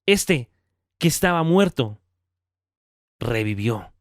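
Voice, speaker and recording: A man voicing a joyful old father who calls out loudly to his servants. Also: medium pitch, big pitch swings, slow pace, no room sound, studio quality. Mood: jubilant. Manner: exclaiming, calling out loudly to servants.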